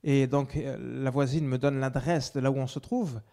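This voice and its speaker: Dark-voiced man telling a testimony. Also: medium pitch, steady tone, normal speed. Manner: storytelling with many restarts, swings between loud and hushed. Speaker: preacher giving a testimony. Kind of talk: personal testimony in a sermon.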